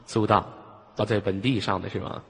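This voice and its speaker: A man's voice: fairly low pitch, steady tone, a little fast, vocal fry. Male chat host, drenched in long reverb. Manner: teasing, often chuckles while talking. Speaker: host of a live online voice chat. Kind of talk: joking comic banter with callers. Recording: noisy, long hall-like reverb on the mic.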